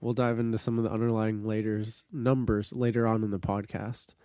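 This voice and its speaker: A young man co-hosts a casual sports podcast, sounding stuffy and nasal from a cold. His voice sits on the low side and he talks briskly, relaxed and dropping frequent ums. The studio-quality audio has no echo.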